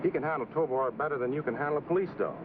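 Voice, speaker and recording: A level-headed government scientist who explains things in a plain, matter-of-fact way. The sound is an old 1950s TV broadcast. It is thin and phone-like, with a heavy layer of hiss underneath. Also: male voice, a little high, very fast. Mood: earnest. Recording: tinny, hissy 1950s TV soundtrack.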